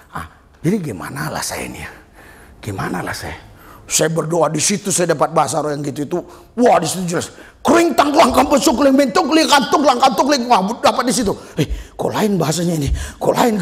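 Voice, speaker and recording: A male pastor telling stories in a sermon, acting out other people's voices as he goes. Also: sits high. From Nias, Indonesia. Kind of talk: storytelling sermon. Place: church service.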